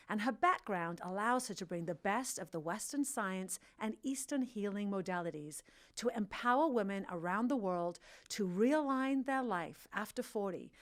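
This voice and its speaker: A woman in her fifties hosting a podcast interview, frank and playful, laughing off and swearing at her own slips. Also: medium pitch. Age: 50s. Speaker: podcast host.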